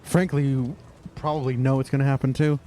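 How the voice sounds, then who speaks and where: A man's voice: mid-range voice, flat delivery, fairly quick, warm tone. A young man giving casual, sarcastic commentary while playing a game. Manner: sarcastic, mocking, talks to himself. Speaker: streamer.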